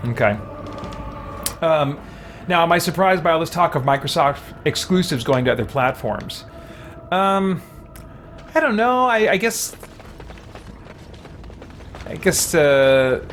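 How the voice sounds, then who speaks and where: A game streamer with a medium-pitched voice thinks aloud in easygoing chat while he plays on his livestream. The recording carries a faint hiss or hum alongside game sounds and character voices.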